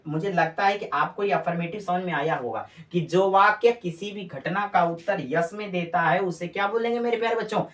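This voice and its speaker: A woman's voice: mid-range voice, far from the mic. A woman teaching a grammar lesson in a classroom style, asking questions and answering them herself and repeating key words for her students. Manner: scolds the students with mock impatience.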